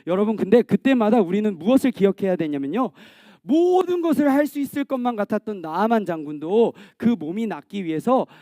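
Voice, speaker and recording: A man giving an animated children's sermon, telling a story and asking the kids questions. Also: high-pitched, a little fast, no room sound, clean studio sound. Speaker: children's ministry preacher.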